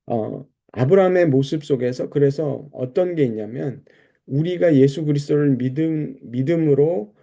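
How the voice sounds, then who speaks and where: A man with a somewhat high, creaky, mellow voice preaches at a normal pace in an expository Bible sermon. His style is conversational and explanatory, walking listeners through scripture and putting questions to them.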